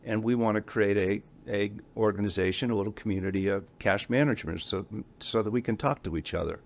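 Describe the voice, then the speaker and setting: A man's voice: lowish voice, brisk, vocal fry. A middle-aged man speaking as an interview guest in a casual, rambling way, often correcting himself and chuckling between points. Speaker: guest, association executive.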